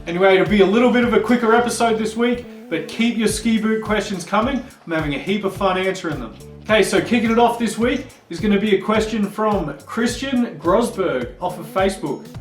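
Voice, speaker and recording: High-pitched, nasal man in a roomy space. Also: fairly quick. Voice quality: nasal, blocked-nose sound. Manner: informal, explanatory. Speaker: host of a ski boot advice show. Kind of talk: informal instructional Q&A to camera. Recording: roomy echo, distant mic, music.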